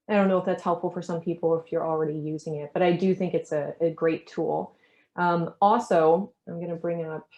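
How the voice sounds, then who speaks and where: A low-pitched American woman hosts a webinar over a video call. Her voice is mellow and warm, and she talks eagerly and fluently, with frequent ums. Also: rough recording. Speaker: executive producer and webinar host. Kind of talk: webinar presentation.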